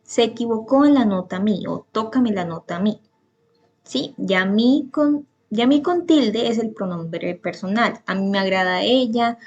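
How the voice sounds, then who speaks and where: Woman teacher, mid pitch, patient explainer, grammar lesson. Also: lo-fi sound. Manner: patient, explains with many examples and restarts.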